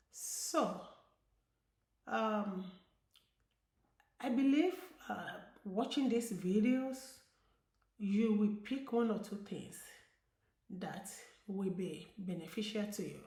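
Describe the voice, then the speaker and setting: A middle-aged Nigerian-accented woman who works as a diabetes educator chats to her viewers in a casual vlog, earnest and encouraging, repeating key words for emphasis. Her voice is mid-range and a little mellow, with a roomy echo around it.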